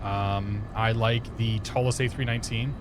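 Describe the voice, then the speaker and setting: A man's voice: on the low side, fairly even intonation, moderate pace, noisy background. A man streaming a flight simulator session on headset audio, chatting casually and greeting viewers by name as he flies. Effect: livestream headset audio. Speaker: livestreamer. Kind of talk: casual commentary while flying a flight simulator.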